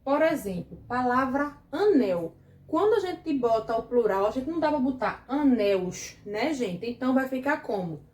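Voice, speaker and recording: Brazilian woman teacher, higher voice, slow and patient, echoey room. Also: big pitch swings, darkish tone. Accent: Brazilian Portuguese. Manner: patient, asks the class questions and checks with "certo?". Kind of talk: grammar lesson for children.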